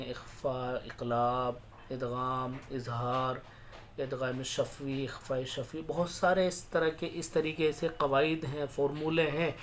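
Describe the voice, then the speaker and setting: A man teaching Quran reading. He explains the rules briskly, then chants each verse slowly, syllable by syllable. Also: a little high, slight background noise.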